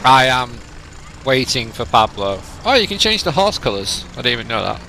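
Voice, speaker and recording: A Lancashire man from England streams a game, nasal with a cold, chatting in a rambling way with viewers and reading chat aloud. His mid-range voice is sing-song with vocal fry and a sharp tone at a moderate pace, over a little hiss or hum.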